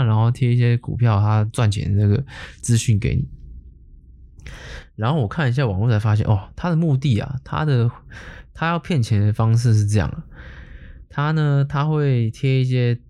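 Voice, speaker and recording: A man's voice: mid-range voice, moderate pace, mellow. A man with a Taiwanese Mandarin accent, hosting a podcast and telling a story in a laid-back, slangy way with mild swearing. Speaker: podcast host. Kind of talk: casual storytelling.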